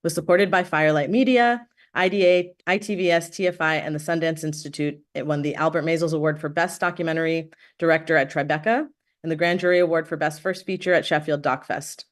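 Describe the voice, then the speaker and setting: A woman's voice: sits low, fairly even intonation, brisk. A woman moderating a panel discussion, thanking organizers and introducing panelists with frequent fillers.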